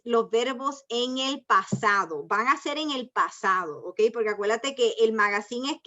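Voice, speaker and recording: Female teacher, bright, higher-pitched voice, patient and methodical, lo-fi call audio. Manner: patient, explains step by step, mixes Spanish and English. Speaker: ESL teacher. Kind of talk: online class teaching. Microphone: video call. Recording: dull lo-fi video call audio.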